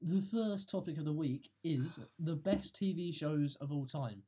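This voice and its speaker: A man's voice: fairly high pitch, a little slow, warm tone, a little hiss or hum. A teenage man hosting a casual podcast, joking with friends and introducing topics. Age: teens. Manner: jokey, presenting topics. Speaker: podcast host. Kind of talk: casual chat.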